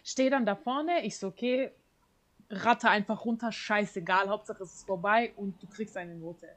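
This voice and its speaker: A young woman chatting casually as a podcast co-host, telling a story in slangy, lively language and laughing often. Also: mid-range voice, moderate pace. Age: young adult. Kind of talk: casual chat.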